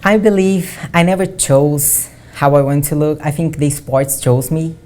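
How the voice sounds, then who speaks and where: Low-voiced young woman. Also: steady tone, measured pace, a little mellow. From Brazil. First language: Portuguese. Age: 20s. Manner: earnest, often says "like". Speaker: guest athlete. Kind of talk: conversational interview. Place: studio.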